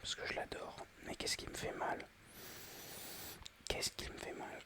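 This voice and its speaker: A little slowly, a man keeps up whispered, excitable ASMR chatter for his viewers as he plays a game on his phone.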